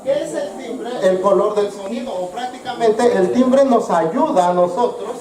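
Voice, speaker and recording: A man teaching music to a church congregation, halting and filler-heavy, calling his listeners brothers and sisters. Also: high-pitched, a crowd in the background. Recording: roomy sound from a distance, with music.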